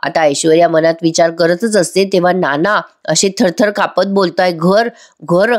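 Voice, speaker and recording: A woman's voice: on the low side, fairly even intonation, moderate pace. A woman giving a chatty voice-over recap of a TV serial, talking directly to viewers. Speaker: TV serial reviewer.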